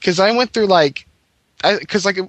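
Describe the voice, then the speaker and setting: A man's voice: sits high, lively intonation, moderate pace, fairly bright tone, no room sound. A man chatting casually about video games, rambling with lots of fillers and restarts. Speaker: podcast co-host.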